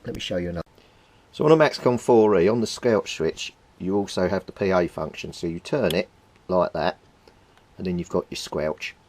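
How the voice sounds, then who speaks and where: Here a lowish, slightly mellow male voice belongs to a middle-aged Briton who repairs radios as a hobby and presents videos. Working at a cluttered indoor bench, he demonstrates hands-on in a relaxed way, musing aloud as he handles his equipment.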